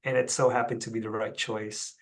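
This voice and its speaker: A middle-aged Tagalog-speaking man from the Philippines, a chief executive, gives a conversational personal account as an interview guest. His voice sits on the low side, level in tone and a little fast.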